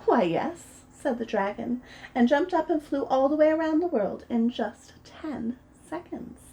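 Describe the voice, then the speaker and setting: A woman reading a children's picture book aloud, gentle and expressive as a preschool storyteller. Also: high voice, a little slow. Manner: gentle and expressive, voices the characters.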